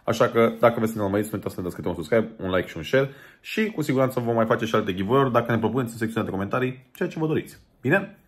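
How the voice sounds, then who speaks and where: A man's voice: mid-range voice, lively intonation, breathy edge, no echo, studio quality. A young man vlogging casually, slangy, laid-back and chatty, talking from a car. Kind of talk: casual vlog chat.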